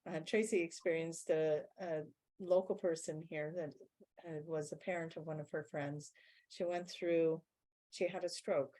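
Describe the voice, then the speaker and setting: A woman channelling a guide being in a spiritual question-and-answer session, explaining in a measured way and slowing down to stress key words. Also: low voice, fairly even intonation, dark tone.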